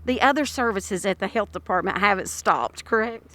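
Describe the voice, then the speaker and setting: Bright masked woman interviewing outdoors. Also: medium pitch, animated, moderate pace. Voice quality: talking through a face mask. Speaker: local TV host interviewer. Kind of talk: interview for a local TV segment. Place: outdoors near road traffic. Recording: outdoors by passing traffic.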